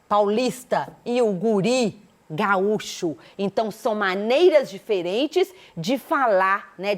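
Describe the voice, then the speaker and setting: A Brazilian woman teacher giving a recorded school lesson, animated and asking the students many rhetorical questions. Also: mid-range voice.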